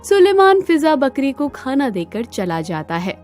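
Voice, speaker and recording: A woman narrating a cartoon moral story in a measured scripted style. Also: high voice, very animated, darkish tone, soft background music. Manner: slow, measured.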